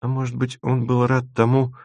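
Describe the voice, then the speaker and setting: A man reading an audiobook, voicing a dreamy, stubborn young woman who speaks softly and a little painfully. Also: mid-range voice, completely flat delivery, normal speed, creaky, no echo, voice pushed up, natural voice. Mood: protesting. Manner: soft, pained and wistful.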